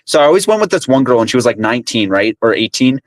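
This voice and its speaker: A man's voice: medium pitch, sing-song, fast talker, no room sound. Young man rambling casual stream chat. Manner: rambling, filler-heavy, profane. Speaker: stream co-host.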